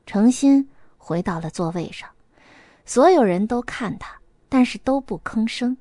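A woman narrating a story in a lively, colloquial way, voicing each character. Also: on the high side, unhurried, no echo, clean studio sound.

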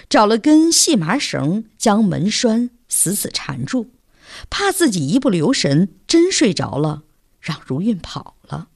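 A woman narrating a story in an expressive, lively reading voice. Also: medium pitch, creaky, no room sound, clean studio sound.

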